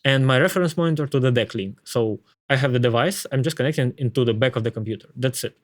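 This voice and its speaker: Male, Slavic accent, casual tech talker, mid-range voice, halting and repetitive delivery, close dry sound. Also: medium pitch, no room sound. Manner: halting, thinking aloud with frequent repetitions.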